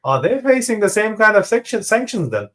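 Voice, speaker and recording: A man's voice: high-pitched, big pitch swings, brisk, fairly bright tone. A man hosting a political discussion interview, probing his guest and often interjecting short acknowledgements. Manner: probing, with frequent brief acknowledgements. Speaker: host.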